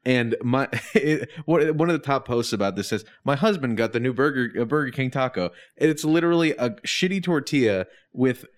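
A man's voice: mid-range voice, animated, a little fast, hardly any pauses. A man co-hosting a podcast in casual comedic chat, ranting sardonically and swearing freely. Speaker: podcast co-host.

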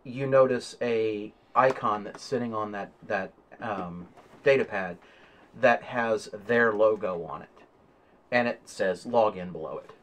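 A man's voice: fairly low pitch, a little slow. A man narrating a tabletop game as game master, rambling with many fillers and restarts.

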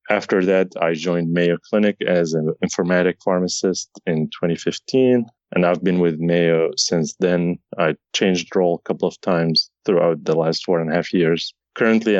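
Very deep-voiced man from Syria, dull sound. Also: a little mellow, no room sound. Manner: earnest, with frequent restarts. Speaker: guest, informatics pharmacist. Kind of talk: podcast interview.

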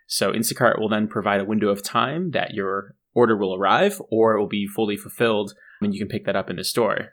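A man co-hosts a casual explainer podcast, his voice sitting fairly low. He talks in a loose, chatty way, restarting sentences and adding asides as he walks through the facts. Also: a bit bright. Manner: chatty, restarts and fillers, laughs at own jokes. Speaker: co-host.

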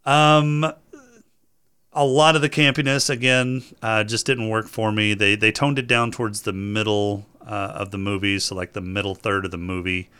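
Blunt, swearing man with a bright voice. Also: lowish voice, fairly even intonation, moderate pace, clear, resonant tone. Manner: blunt, swears freely, emphatic. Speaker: podcast co-host. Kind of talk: casual movie review chat.

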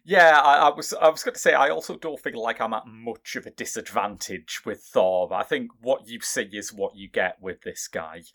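A man co-hosting a casual podcast chat about films, with a wry, measured way of talking. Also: medium pitch, a bit bright. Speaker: podcast co-host. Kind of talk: casual film review chat.

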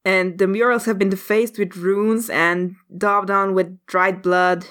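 A woman running a tabletop game as game master, with measured, descriptive narration. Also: mid-range voice, level tone, fairly bright tone.

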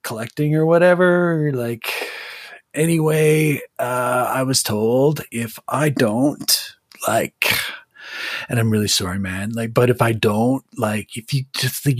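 Guy putting on a jittery young goth thrall dude, rambly, all "like" and "man", talks kinda slow. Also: medium pitch, no echo, clean studio sound, lightly acted. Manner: rambling, full of fillers and "like".

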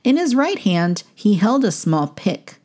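A woman's voice: mid-range voice, sing-song, a little slow, a little mellow. A woman narrator reading a scripted documentary.

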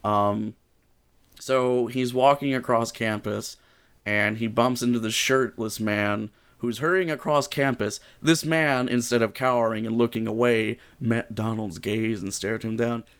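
A man's voice: mid-range voice, fairly even intonation, measured pace, a bit bright, clean tone. A man co-hosting a comedy podcast, reading a silly story aloud with wry, sweary asides. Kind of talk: casual comedic read-aloud.

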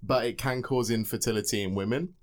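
A man's voice: mid-range voice, fast talker. A young man from England telling a story in casual chat, often breaking into laughter. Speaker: podcast co-host telling a story.

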